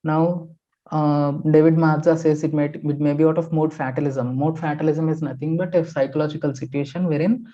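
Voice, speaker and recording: A man's voice: a little high, steady tone, a little fast, dark tone. Man lecturing on sociology, dull recording. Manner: methodical, many fillers and restarts. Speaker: sociology teacher. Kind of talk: explaining newspaper articles in a lecture. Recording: dull lo-fi sound.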